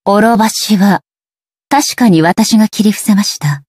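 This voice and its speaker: An actress voicing a stern, ageless female shogun deity in a video game, speaking in a formal, measured, detached way. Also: medium pitch, darkish tone, slightly rough, no room sound, studio quality. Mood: solemn. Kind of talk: scripted video game character voice lines.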